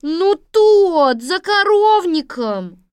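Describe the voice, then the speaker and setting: Shrill, whining young princess who sobs through her words; storybook voice. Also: big pitch swings, very slow, no echo, exaggerated voice. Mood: whiny. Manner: whiny, sobbing. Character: princess who whines and cries, young woman. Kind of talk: storybook reading.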